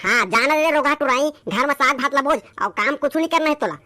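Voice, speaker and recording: A nagging, sharp-tongued village mother from a comic skit, played by a woman, speaking in a Chhattisgarhi accent. Her voice is high and carries with a steady needling edge. She scolds and taunts without letting up. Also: fairly quick, dry recording. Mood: taunting.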